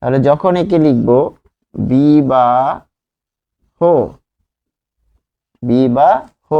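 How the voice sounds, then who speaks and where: A man teaching an exam-prep grammar lesson, speaking slowly, repeating example words and asking the class questions. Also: mid-range voice, gravelly, dark tone, dull audio.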